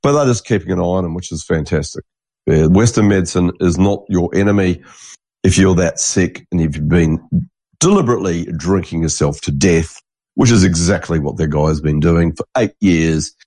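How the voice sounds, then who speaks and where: A congested podcast host with a stuffy nose rambles through a solo monologue, swearing, trailing off, and restarting his sentences. His voice is low-pitched and mellow at a moderate pace, and the recording is dry.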